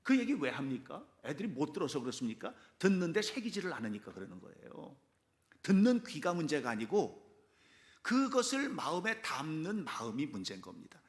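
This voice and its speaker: A man's voice: on the high side, very animated, moderate pace. A male pastor preaching a sermon in a church sanctuary, emphatic, acting out quoted prayers in a dramatic voice.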